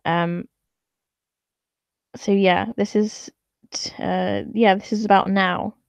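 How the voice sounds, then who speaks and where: A woman's voice: mid-range voice, level tone, slow, creaky, clean tone, no room sound. A woman talking to camera in an opinionated vlog, exasperated and sarcastic, swearing freely as she reads out and explains graphs. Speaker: vlogger.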